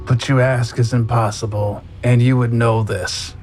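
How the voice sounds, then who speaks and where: A man's voice: medium pitch, steady tone, measured pace, darkish tone, faint music behind, natural voice. A man playing a servile undead dwarf minion. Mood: protesting. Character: loyal, servile undead male dwarf minion, deferential and incredulous. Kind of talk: tabletop role-play.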